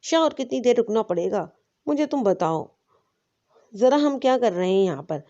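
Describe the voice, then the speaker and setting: A woman's voice: on the high side, animated, mellow, lo-fi sound, natural voice. A woman voicing a mischievous young woman teasing her friend. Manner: playful.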